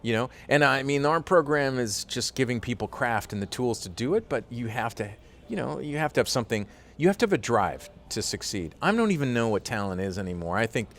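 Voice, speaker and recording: A man's voice: mid-range voice, sing-song, brisk, hardly any pauses, a bit bright. A middle-aged man, a voiceover artist and teacher, talking as a guest in an earnest, enthusiastic way and often repeating himself. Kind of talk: casual interview talk.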